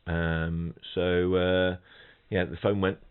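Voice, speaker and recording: This middle-aged man, a working trombonist, talks slowly in a low voice with little pitch movement, against a noisy background. It's a laid-back podcast chat full of anecdotes, where he restarts sentences and mimics people and rhythms; the audio sounds thin and phone-like.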